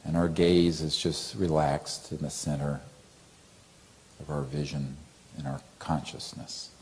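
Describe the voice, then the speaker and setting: A man leading a guided meditation, speaking softly and gently with long pauses and chanting a mantra in a drawn-out tone. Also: rumbling low, level tone, slight background noise.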